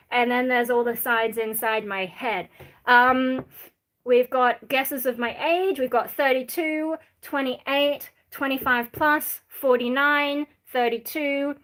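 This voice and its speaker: This is an Australian woman with a fairly high voice, talking casually to a live chat. She reads questions aloud and answers them bluntly, with irreverent, sweary frankness. Her talk rambles from one thought to another. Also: fairly even intonation, slow pace, fairly bright tone. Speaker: live streamer. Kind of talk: casual livestream chat, reading out viewer questions.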